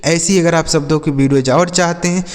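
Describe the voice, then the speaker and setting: A man's voice: a little high, steady tone, a little fast, big-room sound. A man teaching English words to children in Hindi, spelling each word letter by letter and repeating every example sentence twice. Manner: addresses viewers as children. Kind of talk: slow spelling-and-translation lesson for children.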